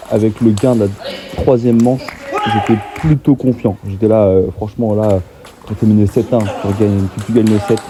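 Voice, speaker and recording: A young man talking over his own table tennis match, excitable and self-mocking. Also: lowish voice, background noise. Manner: excitable, self-mocking, laughs often, swears casually. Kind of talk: casual match commentary voice-over.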